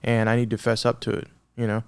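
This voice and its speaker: A man's voice: medium pitch, monotone, fast, darkish tone, smooth, no echo. A man hosting a podcast, thinking aloud in a reflective, casual way with fillers. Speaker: podcast host. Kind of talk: casual interview chat.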